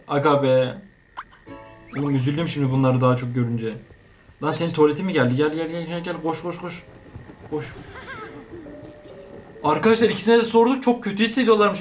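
A young man giving casual, slangy gameplay commentary, excitable and chatting to the characters on screen. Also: on the high side. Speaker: gaming YouTuber.

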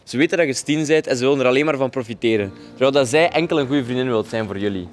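A man's voice: medium pitch, fast, natural voice. A young actor with a Flemish accent playing a loyal, plain-spoken man in a teen drama. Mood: indignant. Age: young adult. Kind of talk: scripted teen drama acting. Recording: faint music behind the dialogue.

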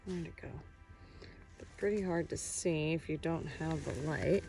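Soft music plays as a woman in her thirties vlogs casually from a pebbly beach, hunting for rocks. She has an American accent and a low, slightly mellow voice, and she talks at a measured, easygoing, colloquial pace.

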